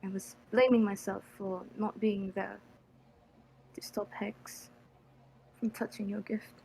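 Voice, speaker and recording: A woman whispering as a remorseful, halting girl, whispered role-play. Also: mid-range voice, flat delivery, gravelly, slight background noise, poor audio. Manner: halting, hesitant, soft. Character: remorseful young woman apologizing softly.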